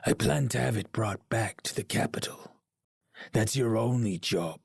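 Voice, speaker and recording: King Zarek, a gravelly, arrogant warrior king. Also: fairly low pitch, no echo, clean studio sound. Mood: commanding, menacing. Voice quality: gravelly, husky. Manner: imperious, scornful, slow and deliberate. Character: proud, arrogant, paranoid warrior king and scornful father. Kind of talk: dramatic video game cutscene acting.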